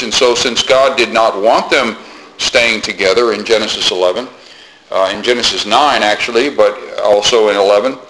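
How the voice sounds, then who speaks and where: A man preaching a sermon to his congregation in a measured way, often pausing with "uh" between thoughts. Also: mid-range voice, a little hiss or hum, low-quality recording. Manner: measured, with frequent "uh" pauses; soft-spoken in prayer.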